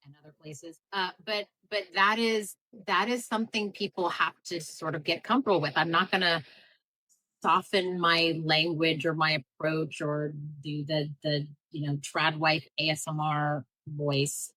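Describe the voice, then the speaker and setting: A direct, plain-spoken woman from the United States hosts a casual livestream chat. Her voice is lowish in pitch but bright and forceful, and it sounds dry and close. She talks in quick, filler-heavy bursts. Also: dry recording, low-quality recording. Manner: blunt and direct, animated with many fillers. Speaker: host.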